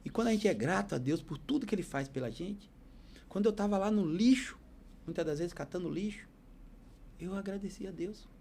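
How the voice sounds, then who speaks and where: A man tells his life story on a podcast, earnest and preacherly. His voice sits a little high but sounds dark and mellow. A faint hiss of background noise runs under it. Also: a little fast, gravelly. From Bahia, Brazil. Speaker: podcast guest. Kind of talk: storytelling testimony.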